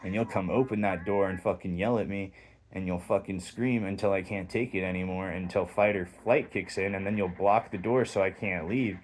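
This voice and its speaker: A man's voice: sits low, fairly even intonation, normal speed, faint music behind, poor audio. A man delivering a heated, rambling, profanity-filled monologue straight to camera as a vlogger.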